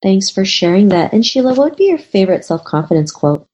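A woman's voice: mid-range voice, sing-song, brisk, a little mellow, dull audio. A woman hosting an interview podcast, who keeps thanking and affirming her guest. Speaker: podcast host.

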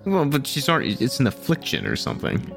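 A man's voice: medium pitch, wildly swooping pitch, fast, vocal fry, a bit bright, soft background music. A man chatting casually and narrating during a tabletop role-playing game.

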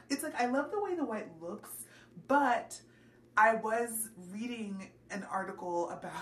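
A woman's voice: medium pitch, slight background noise. A woman hosting a casual tour of her own home, chatty and giggly with plenty of fillers. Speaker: lifestyle host.

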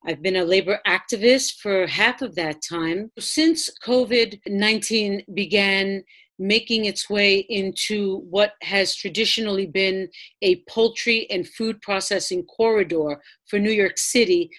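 A woman's voice: medium pitch, fairly bright tone. A woman labor activist speaking earnestly and steadily in an interview. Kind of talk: interview statement.

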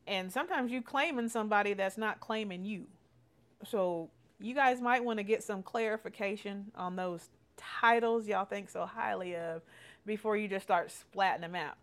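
A woman's voice: medium pitch, moderate pace. A middle-aged woman hosting a podcast, telling candid personal stories in casual chat, laughing often and swearing freely. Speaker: podcast host.

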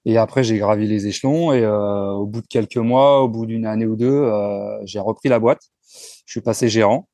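A man in his forties, speaking as an interview guest in a relaxed, frank way, often pausing and restarting his sentences. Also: fairly low pitch, no echo. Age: 40s. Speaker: entrepreneur guest. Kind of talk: casual conversational interview.

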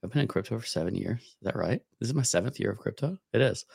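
Male podcast co-host with a smoker's rasp: low-pitched, casual and wry, recorded dry. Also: lively intonation, fast talker, darkish tone, dry recording. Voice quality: smoker's rasp, voice rough and odd. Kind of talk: casual market chat.

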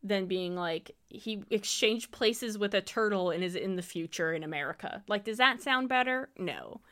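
Giggly bright-voiced woman recapping a movie. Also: medium pitch, normal speed. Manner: laughs often while recapping, wry and amused. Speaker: podcast co-host. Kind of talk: casual movie recap chat.

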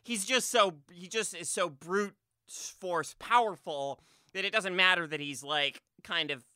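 A man's voice: high-pitched, a little slow, smooth, no echo, clean studio sound. A man co-hosting a podcast, talking casually about a film with lots of fillers and restarts. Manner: animated, filler-heavy, frequent restarts. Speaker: podcast co-host.

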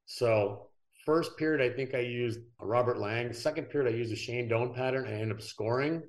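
A middle-aged man, a former pro athlete, telling relaxed, rambling anecdotes as a podcast guest. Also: medium pitch, moderate pace. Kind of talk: casual interview storytelling.

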